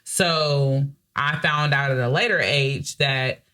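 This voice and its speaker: A woman's voice: very deep voice, slow pace, bright, forceful tone. A woman co-hosting a podcast, telling a personal family story in a candid, emotional way with many restarts and the odd swear word. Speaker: podcast co-host.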